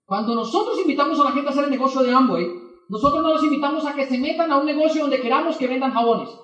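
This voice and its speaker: A man's voice: very high voice, fast. A middle-aged man giving a motivational talk to an audience, telling a story and acting out both sides of each conversation. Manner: animated, acts out both sides of dialogues. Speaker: motivational speaker. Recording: echoey hall, distant, dull sound.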